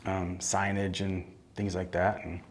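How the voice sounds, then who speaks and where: A middle-aged man who owns a construction company is a guest in an on-stage interview in an event room with an audience. He speaks at a measured pace in a fairly low, monotone voice, plain and blunt, frequently stopping and restarting his sentences.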